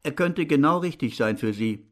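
A sly, haughty society lady, voiced in a lifted, brighter register by a male audiobook narrator. She speaks with pointed, knowing remarks and drops at times into a half-whisper. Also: fairly high pitch, lively intonation, moderate pace, close to an everyday voice. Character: haughty upper-class woman, middle-aged, teasing.

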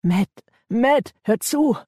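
Audiobook figure: narrator doing a panicked young man, begging, pitched well up, husky. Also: expressive, extremely slow, a little mellow, no echo, studio quality, heavily acted. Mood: pleading. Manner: pleading, desperate.

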